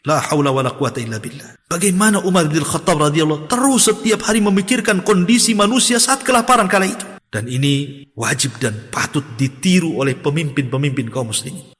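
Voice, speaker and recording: Male preacher, dramatic storyteller, slightly high voice, long hall reverb. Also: fairly bright tone. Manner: dramatic retelling, acting out quoted voices and reciting Arabic. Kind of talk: sermon storytelling. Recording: echoey hall.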